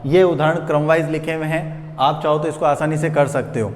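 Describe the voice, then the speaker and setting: A young male teacher gives a slow, patient grammar lesson, spelling out each rule step by step. His voice sits a little high, and the room echoes with a long ringing tail. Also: steady tone. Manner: patient, repeats each rule slowly, asks questions and answers them himself. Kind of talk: exam-prep grammar lesson.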